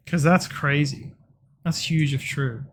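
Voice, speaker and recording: A man's voice: fairly high pitch, fairly even intonation, slow pace, slight background noise. A young man chatting casually and swearing freely while streaming a game. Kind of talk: casual live-stream chat while gaming.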